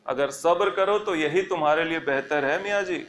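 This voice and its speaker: A man's voice: a little high, fairly bright tone, roomy sound. A man teaching a lesson on the Quran, reciting Arabic verses and then explaining them phrase by phrase with emphatic repetition. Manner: emphatic, repeats key phrases for stress. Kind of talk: religious lesson explaining scripture.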